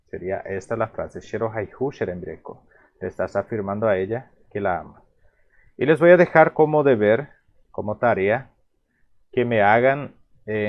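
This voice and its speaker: A Paraguayan man whose mother tongue is Guarani, speaking with a Paraguayan Spanish accent, teaches phrases and explains vocabulary in a video lesson. His voice is on the low side, and his relaxed, halting delivery includes many repeats and restarts.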